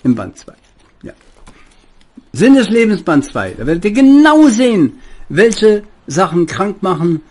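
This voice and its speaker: An older man giving a preachy monologue, addressing his listeners fondly and speaking with a slightly husky voice. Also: high voice, unhurried, pauses often. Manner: preachy, lively, addresses listeners as "meine Lieben". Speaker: spiritual speaker and author.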